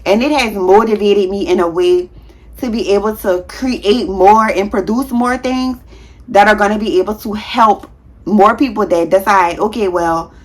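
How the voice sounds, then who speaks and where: A woman in her thirties, a nurse, chatting casually to her viewers in a vlog, talking fast with a heavy tongue and sometimes tripping over words. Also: mid-range voice. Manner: frank, slangy, addresses viewers as y'all. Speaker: nurse and content creator.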